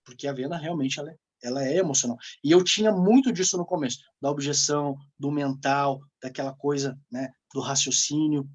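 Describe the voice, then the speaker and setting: A man with a Brazilian Portuguese accent, coaching as a sales mentor in an emphatic, animated way. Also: fairly high pitch, brisk, hardly any pauses. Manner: emphatic, animated, laughs often. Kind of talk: coaching talk.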